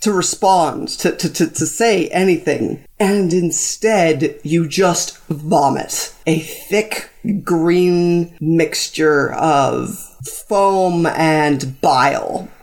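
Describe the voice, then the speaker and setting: Slow-paced woman game master. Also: deep voice, a little mellow. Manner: slow, descriptive, playful. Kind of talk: narrating a tabletop game.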